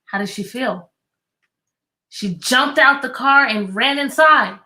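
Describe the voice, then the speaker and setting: A high-voiced woman teacher reads a children's book aloud, expressive and deliberate, asking young listeners questions along the way.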